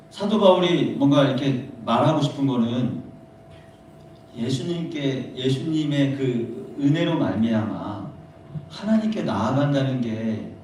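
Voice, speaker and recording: A man's voice: fairly high pitch, darkish tone. A man preaching a conversational sermon to teenagers, acting out the voices he quotes. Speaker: pastor. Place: church sanctuary. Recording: echoey, distant room mic, faint noise.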